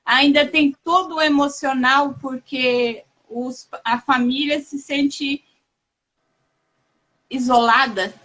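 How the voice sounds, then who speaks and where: A woman hosting a casual live chat, talking in a warm, halting way with many restarts and fillers. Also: high-pitched, steady tone, dull audio. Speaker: host.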